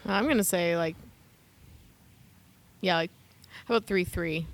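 A woman's voice: on the low side, a little slow. A woman co-hosting a casual podcast chat, chatty and full of "like", laughing easily. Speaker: podcast co-host.

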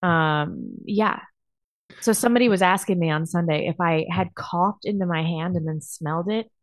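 A woman with a lowish voice co-hosts a live call-in show, sounding sick and worn down as she complains in a blunt, dramatic way. Her voice is close and dry. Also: normal speed, no room sound. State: sick with a cough. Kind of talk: casual live show chat.

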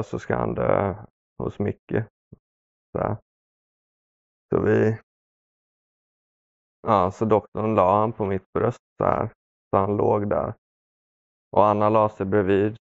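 A man telling a painful personal story in conversation, halting, with many fillers and pauses, subdued and sombre. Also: fairly low pitch, vocal fry, no room sound. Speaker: podcast guest. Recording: dull, dry lo-fi sound.

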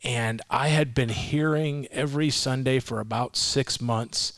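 A man's voice: mid-range voice, measured pace, a bit bright, dry recording, studio quality. A man in his forties, a ministry leader, tells his personal testimony in an earnest, rambling way, recorded at a home. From Massachusetts, raised in Florida. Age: 40s. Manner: earnest storytelling with restarts and self-quotes.

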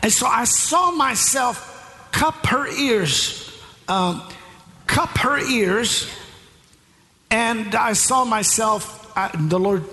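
A man preaching a charismatic sermon, moving from storytelling into shouted preaching and calling out to the congregation. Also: extremely high pitch, animated, extremely slow, pauses often, slight background noise. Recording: long hall reverb with faint room ambience.

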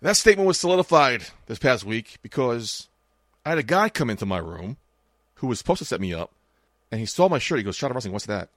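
A late-thirties podcast co-host tells an anecdote in casual conversation, swearing freely and acting out the quoted dialogue. His medium-pitched voice swings widely and moves fast, with a slightly bright tone. The studio recording is clean, with no room sound.

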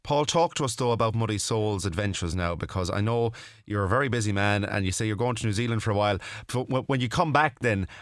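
Low-pitched man with a west of Ireland accent. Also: fast talker, hardly any pauses, no echo, clean studio sound. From County Mayo, Ireland. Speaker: radio talk show host. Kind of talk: conversational interviewing.

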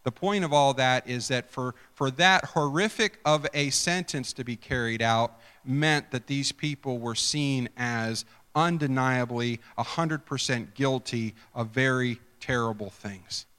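A male pastor gives a chatty, conversational sermon, often restarting his sentences and tossing questions to the congregation. His voice is bright and forceful, and it rings with a long reverb in a church sanctuary. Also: medium pitch, unhurried, few pauses, clean tone. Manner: chatty, self-interrupting, quizzes the congregation.

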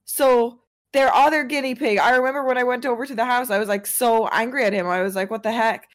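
A woman's voice: a little high, steady tone, brisk. A woman streamer, chatting casually and rambling with many fillers. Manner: rambling, heavy use of "like". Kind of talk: casual storytelling chat.

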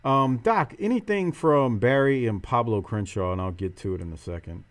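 A man's voice: medium pitch, moderate pace. A man hosting a wrestling podcast, giving casual, slangy match recap commentary. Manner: slangy, informal.

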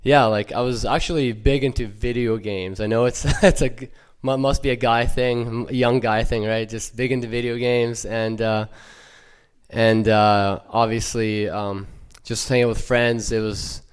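Speaking with no accent, this young man from Ukraine has a medium-pitched, clean voice and fairly even intonation. His earnest church testimony comes out haltingly, peppered with fillers and false starts.

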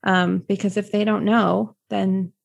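A woman's voice: medium pitch, level tone, a little slow, gravelly. A young adult woman, a podcast guest, out of breath and talking casually with lots of fillers while she searches for words. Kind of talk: casual interview chat.

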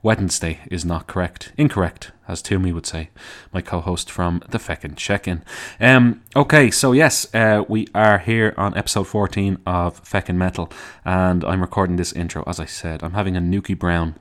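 A man with a low-pitched voice and a Dublin accent introduces his podcast on his own. He talks casually and wanders off into jokey digressions, in the relaxed way of a host chatting to listeners. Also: normal speed, few pauses. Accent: Dublin Irish.

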